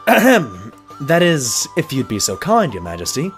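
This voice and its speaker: A man's voice: mid-range voice, wildly swooping pitch, moderate pace, fairly bright tone, faint music behind. A man acting a polite, long-suffering pony doctor in an audio drama, courteous with a dry, wry edge.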